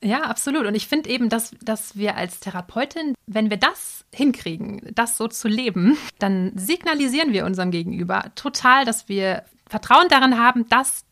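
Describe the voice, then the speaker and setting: A woman's voice: on the high side, animated, normal speed, hardly any pauses, pushed and bright. Thoughtful woman voice therapist, podcast talk. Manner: thoughtful, explains at length with frequent fillers. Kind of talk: casual podcast conversation. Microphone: podcast microphone.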